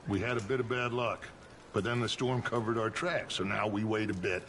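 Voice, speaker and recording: An actor playing a persuasive middle-aged outlaw gang leader in a video game, speaking in a measured, reassuring, rhetorical way. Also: male voice, fairly low pitch, fairly even intonation, background noise, lightly acted. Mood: assured, persuasive. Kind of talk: video game dramatic acting.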